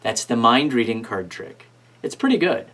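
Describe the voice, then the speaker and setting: A man's voice: mid-range voice, big pitch swings, normal speed, a bit bright. Man doing casual card magician patter. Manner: casual, step-by-step, addressing imagined volunteers. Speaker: magician teaching card tricks.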